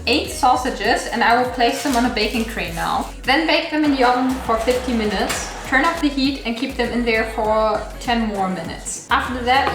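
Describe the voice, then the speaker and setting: In a recipe walkthrough vlog, a cooking channel host from Germany talks chattily in her German accent and laughs whenever she slips up. Her voice is a little high, and the recording has a roomy sound.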